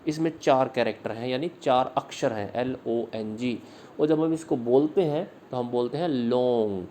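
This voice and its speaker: A male English literature teacher giving a slide-based video lesson, patiently repeating words slowly and explaining each slide line. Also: mid-range voice, warm tone, slight background noise.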